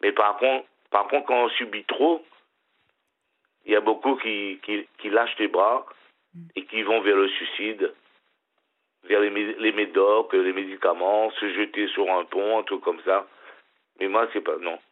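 A middle-aged man calling in to a radio show, talking haltingly with a smile in his voice and repeating his words. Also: on the low side, fairly even intonation. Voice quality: smiling voice. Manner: hesitant, repeats and restarts words. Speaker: caller. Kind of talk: casual phone-in chat. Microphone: telephone. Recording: tinny phone line.

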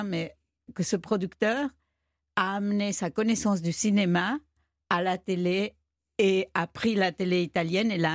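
A woman's voice: fairly low pitch, no echo, clean studio sound. A woman from Argentina, a guest in a radio interview, who talks hesitantly and searches for her words. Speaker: guest, TV studio head.

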